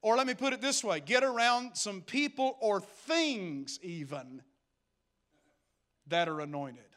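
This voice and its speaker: A man preaching a lively, humorous sermon that builds to emphatic calls to action. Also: high voice, unhurried. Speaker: pastor.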